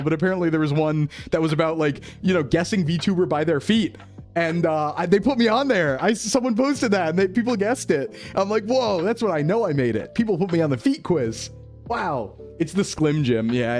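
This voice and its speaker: A playful male streamer riffing with his chat, his voice bouncing up and down in lively swings and sitting a little above the usual male register. He jokes and laughs easily, captured as livestream headset mic audio with soft music underneath. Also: a little high. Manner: playful, jokey, laughing often. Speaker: VTuber streamer. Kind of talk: casual livestream chat with viewers.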